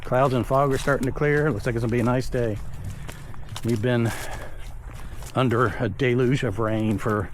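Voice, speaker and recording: A man's voice: medium pitch, steady tone, normal speed, slight background noise. A man narrating a hiking vlog in an easygoing, rambling way, slightly congested and out of breath, recorded outdoors on an action camera. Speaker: vlogger. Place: outdoors on a mountain trail.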